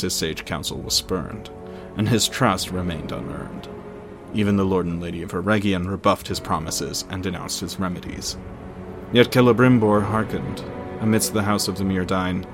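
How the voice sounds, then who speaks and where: A man narrating a fantasy story in a solemn, dramatic scripted reading. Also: low voice. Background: faint music.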